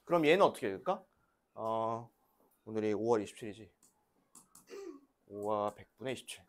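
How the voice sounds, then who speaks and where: A woman's voice: a bass voice, lively intonation, moderate pace, a little hiss or hum. A teacher leads a class of young children through a math lesson, her voice rising and falling a great deal as she asks questions and waits for answers. She sounds like a woman speaking in a classroom, patient and coaxing as she has the children repeat after her. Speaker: elementary school teacher.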